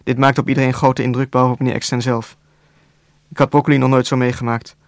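A man calmly reading a novel aloud as narrator. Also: medium pitch, fast, creaky, no echo, studio quality. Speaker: audiobook narrator. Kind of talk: scripted narration.

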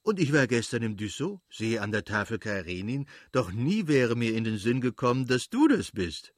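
A man's voice: mid-range voice, very animated, normal speed, dry recording, studio quality. A man voicing a jovial, sociable middle-aged nobleman who speaks effusively in an audiobook reading. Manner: effusive, hearty.

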